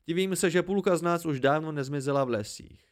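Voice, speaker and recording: A man reading the lines of a gruff, blustering mercenary guard in an audiobook, blunt and grumbling. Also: on the high side, lightly acted.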